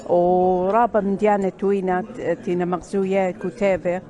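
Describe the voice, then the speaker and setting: A woman from Iraq with an Iraqi Arabic accent, giving a short testimony as an interviewee, brisk with filler pauses. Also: on the low side, little pitch movement, warm tone, muffled recording. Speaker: interviewee, church partner.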